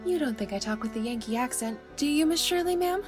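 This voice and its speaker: A woman's voice: high voice, lively intonation, fast, music in the background. A woman playing an eager, anxious young country servant girl, folksy, chatty and deferential, in a dramatized story. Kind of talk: dramatized audiobook character acting.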